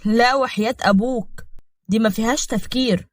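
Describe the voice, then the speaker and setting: A woman's voice: a little high, a little fast, dry recording, natural voice. A woman voicing a vengeful scheming man who gloats over his plan, in Egyptian Arabic. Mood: gloating.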